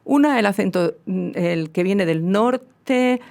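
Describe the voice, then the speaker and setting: A woman's voice: mid-range voice, animated, slow, a little mellow. A woman with a southern Spanish accent, a guest linguist explaining in a radio conversation, lecturing with many restarts and tag questions.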